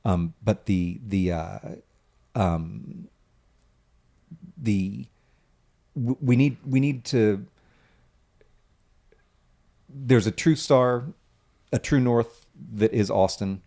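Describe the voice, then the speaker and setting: A man talks in a relaxed, earnest way as a podcast guest. His voice sits a little low. He rambles, with lots of "um" and "you know" between his thoughts. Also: very slow, gravelly, pauses often. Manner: earnest, rambling with many fillers. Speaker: guest, nonprofit founder. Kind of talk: casual conversation.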